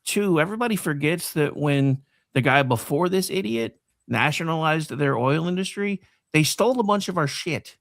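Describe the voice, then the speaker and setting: A male co-host lays out casual political opinions bluntly and with profanity. His voice is high for a man, recorded very dry with no room sound. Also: expressive, moderate pace, few pauses, a bit bright, no echo. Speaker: talk show co-host.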